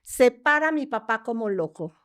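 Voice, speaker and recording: A woman with a Mexican accent, a podcast guest telling a family story in a lively way and acting out the people she quotes. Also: a little high, moderate pace. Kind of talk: casual storytelling in a podcast interview.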